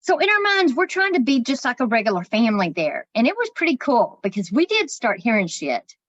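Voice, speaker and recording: Woman, podcast co-host, casual chat, storytelling, fairly high voice, slightly muffled dry sound. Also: sing-song, a little fast, fairly bright tone, no room sound. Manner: chatty storyteller, swears casually.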